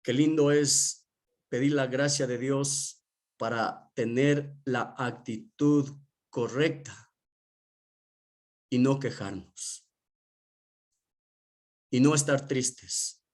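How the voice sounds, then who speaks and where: A male pastor giving an emotional testimony in a sermon, speaking slowly and earnestly to the congregation. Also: medium pitch. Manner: slow, earnest, emotional preaching.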